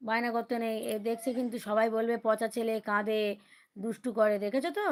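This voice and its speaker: A young woman, a mother on a livestream, talking to her small child in a coaxing, gently scolding, sing-song way. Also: on the high side, level tone, fast talker. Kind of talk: casual talk to a toddler on a livestream.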